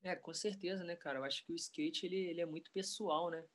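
A man, a professional skateboarder talking in a relaxed, rambling way full of slang. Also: on the high side, fast. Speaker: pro skateboarder guest. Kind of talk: casual interview chat.

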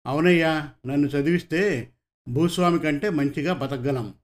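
A man's voice: a little high, normal speed, natural voice. A man voicing a bold, clever village boy. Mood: defiant. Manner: bold, defiant. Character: clever defiant ten-year-old village boy.

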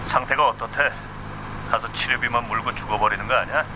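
A man playing a gruff, practical boss in a radio drama, blunt and sceptical. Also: mid-range voice, fairly even intonation, fairly quick, natural voice. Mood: sceptical, curt. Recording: clear car noise behind.

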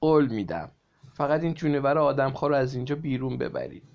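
A man's voice: mid-range voice, darkish tone, muffled recording, pitched above the performer's own voice, close to an everyday voice. A man voicing a scared schoolboy who pleads with his teachers, reading a storybook aloud. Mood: pleading.

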